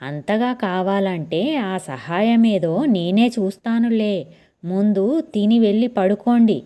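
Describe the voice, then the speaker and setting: A woman voicing a quick-tempered, jealous young wife who talks in a snappy, raised voice. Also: mid-range voice, warm tone, close to an everyday voice. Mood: sharp.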